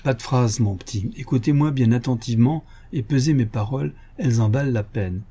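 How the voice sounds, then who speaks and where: A man's voice: mid-range voice, brisk, dark tone, husky. A man voicing a cold, precise male former police inspector who speaks curtly and hard. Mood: menacing.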